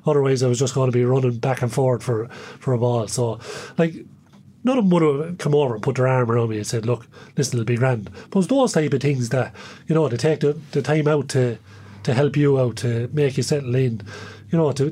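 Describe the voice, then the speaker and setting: Irish male interview guest, former sportsman, colloquial and self-deprecating, voice a touch rough and not very clean. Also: mid-range voice, fairly quick, warm tone. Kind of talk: casual reminiscing in an interview.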